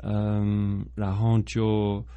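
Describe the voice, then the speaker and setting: Deep, mellow foreigner speaking halting Mandarin, male. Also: completely flat delivery, clear, resonant tone, dry recording. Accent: foreign-accented Mandarin. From Belgium. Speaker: interview guest, film composer. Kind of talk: casual interview.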